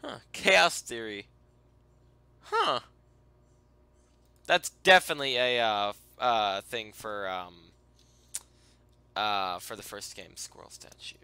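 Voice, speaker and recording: A man giving casual, halting and rambling commentary over a video game as its host. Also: lowish voice, expressive, pushed and bright, clean tone, no echo. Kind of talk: casual let's play commentary.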